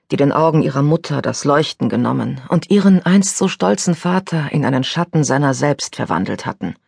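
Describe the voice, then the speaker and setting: A woman reads an audiobook in a slow, measured narration. Her voice is husky with a gravelly edge. The recording is close and dry. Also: sits low, a little mellow, dry recording. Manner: measured, unhurried reading. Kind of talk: scripted narration.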